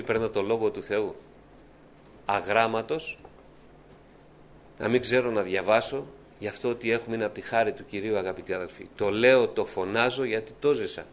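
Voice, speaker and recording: A man's voice: fairly low pitch, pauses often, slight background noise. A middle-aged man preaching a fervent testimony sermon, often calling out to his beloved brethren. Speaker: church preacher giving testimony.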